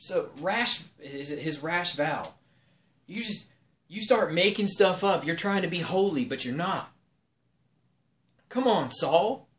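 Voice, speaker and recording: A man leading a casual Bible study, acting out the people in the story and throwing in slangy asides. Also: on the high side. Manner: animated, acts out the people in the story in quick paraphrase, slangy asides.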